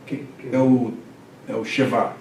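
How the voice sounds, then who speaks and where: Man, teacher, syllable drill, slow delivery, echoey room. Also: medium pitch, little pitch movement, vocal fry, a little mellow, slight background noise. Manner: patient, spells out syllables and asks for repetition. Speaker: Hebrew teacher. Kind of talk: classroom reading drill. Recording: roomy echo, distant mic, faint ambience.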